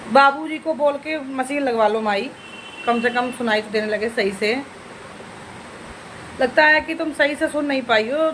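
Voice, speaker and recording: Woman vlogger, high voice, scolding and taunting, faint room noise. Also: fairly bright tone. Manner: taunting, scolding, repeatedly addressing an older woman. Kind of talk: scolding reply video.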